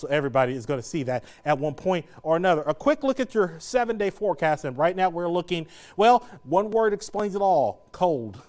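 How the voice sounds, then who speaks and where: A man's voice: on the high side, darkish tone. A man, a TV meteorologist giving a live weather forecast in a chatty, joking way, slightly out of breath. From Southern Indiana. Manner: chatty, jokey, laughs between points.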